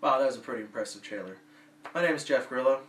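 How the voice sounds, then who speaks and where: Fast-talking male film reviewer. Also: mid-range voice. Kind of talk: casual film review chat. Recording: roomy, distant mic, faint hum.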